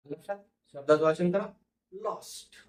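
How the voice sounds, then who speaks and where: In a phonics lesson, a high-pitched man says each word slowly and repeats it so the class can read along. He sounds distant, captured in an echoey room.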